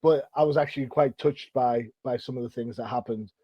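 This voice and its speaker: A man's voice: mid-range voice, fairly even intonation, brisk, slightly rough, no room sound, muffled recording. A middle-aged man from Britain hosting an interview, chatty and self-deprecating, with rambling questions. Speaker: podcast host. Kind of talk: casual interview chat.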